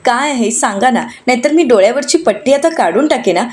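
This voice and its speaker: A curious young wife pleads and asks questions in a raised, high voice, as a woman narrator reads her. She sounds wondering and coaxing. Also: expressive, brisk, a little mellow, slight background noise, lightly acted.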